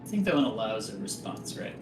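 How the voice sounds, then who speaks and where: A man's voice: on the low side, big pitch swings, fast. A man casually narrating and refereeing as the game master of a tabletop role-playing game. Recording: roomy, distant mic, music behind.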